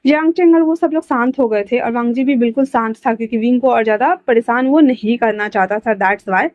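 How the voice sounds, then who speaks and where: A woman's voice: a little high, a little fast, dry recording, dull audio. Chatty woman telling a fan story. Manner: chatty, with fillers and self-corrections. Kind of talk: casual story narration.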